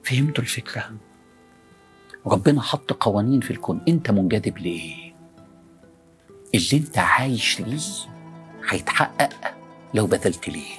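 A man's voice: lowish voice, expressive, normal speed, pauses often, soft background music. A man with an Egyptian Arabic accent giving a motivational religious talk to young people, full of rhetorical questions to the audience. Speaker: preacher addressing young people.

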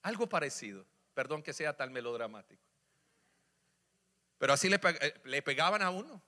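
A man preaching an animated sermon to a congregation, stretching out scripture verses slowly and acting out little scenes. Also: on the high side. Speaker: pastor. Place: church sanctuary with congregation. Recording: echoey hall reverb.

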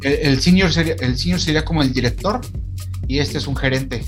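A man's voice: a little high, fairly quick, soft background music. A man co-hosting a casual chat, speaking hesitantly with many fillers. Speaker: co-host.

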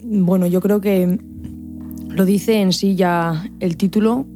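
A woman's voice: mid-range voice, fairly even intonation, slow pace, dark tone, faint music behind. A woman co-hosting a casual podcast, laughing easily and explaining her ideas thoughtfully. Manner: laughs often, reflective when explaining. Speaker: podcast co-host. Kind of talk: casual chat.

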